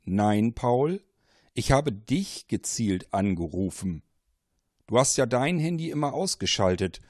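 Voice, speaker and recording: A man's voice: medium pitch, sing-song, a little slow, a little mellow, dry recording, clean studio sound. A man voicing a mysterious male caller who urgently warns of danger, pressing and commanding. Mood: insistent.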